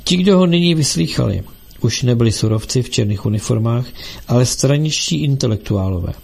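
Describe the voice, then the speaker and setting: A male audiobook narrator with a gravelly, husky voice reads in a steady, measured way. His pitch sits in the middle of the male range. He delivers the text as scripted narration.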